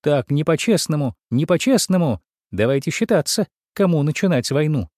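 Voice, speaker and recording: A man's voice: a little high, huge pitch swings, slow, darkish tone, dry recording, studio quality, heavily acted. A man voicing a brave little girl hedgehog in a storybook reading, earnest and insistent.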